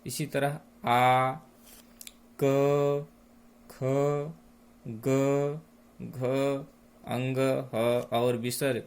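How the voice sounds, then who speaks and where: A man teaching a class lesson, speaking slowly and deliberately and lingering on each sound. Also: medium pitch.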